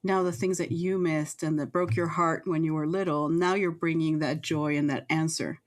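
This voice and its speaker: A woman's voice: deep voice, fairly even intonation, moderate pace. A woman hosting a podcast interview, reflective, giving frequent short affirmations as the guest talks. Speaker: podcast host, university teacher. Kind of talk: interview conversation.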